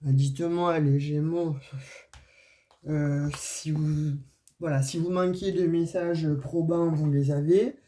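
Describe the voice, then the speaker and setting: This woman's voice sits low, steady, slow and mellow. Giving an easygoing tarot and oracle reading in a non-Parisian regional French accent, she speaks straight to the people watching, her speech dotted with hesitant "euh" and "hein" tags.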